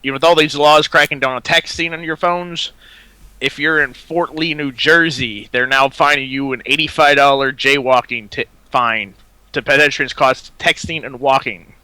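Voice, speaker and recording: Bright, dry-sounding man relaying news. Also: mid-range voice, fairly even intonation, moderate pace, smooth, dry recording, rough recording. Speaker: podcast co-host. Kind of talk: casual chat, reading news items.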